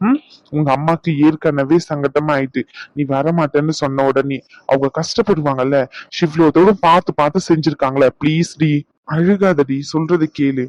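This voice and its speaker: A man's voice: a little high, darkish tone, no room sound, close to an everyday voice. A man voicing a teasing cartoon husband. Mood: comforting. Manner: playful, teasing, coaxing. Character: teasing affectionate young husband Ragu. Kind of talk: animated cartoon voice acting. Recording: dull lo-fi sound.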